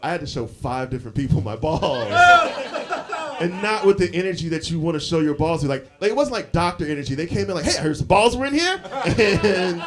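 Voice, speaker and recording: A man in his forties telling stories in a live stand-up set, animated and laughing often between lines. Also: sits high, fairly quick, heavy background noise. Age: 40s. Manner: animated storytelling, frequent laughs and fillers. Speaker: stand-up comedian. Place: comedy club stage with audience. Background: audience laughter.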